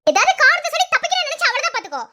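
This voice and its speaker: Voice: very high-pitched, wildly swooping pitch, very fast, heavy background noise, exaggerated voice. A voice actor playing a bossy, teasing young woman in a cartoon who mocks and scolds her boyfriend. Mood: mocking. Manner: mocking, scolding, laughing while she taunts. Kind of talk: cartoon voice acting.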